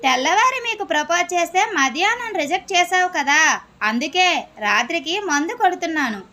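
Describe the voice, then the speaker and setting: A woman's voice: extremely high pitch, expressive, a little fast, sharp tone, heavily acted. A woman voicing a jilted, lovesick young man in a comedy skit, talking in a reproachful way. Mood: sulky.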